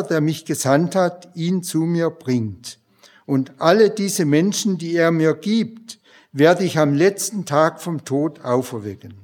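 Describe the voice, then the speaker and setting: A man preaching a sermon and reading a long Bible passage aloud in a slow, measured way. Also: a little high, a little mellow.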